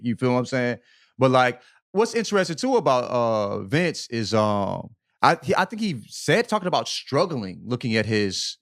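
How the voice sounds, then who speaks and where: In a casual, opinionated podcast chat, a male co-host with a mid-range, fairly bright voice speaks emphatically and in slang. He says things more than once and keeps checking that listeners are keeping up.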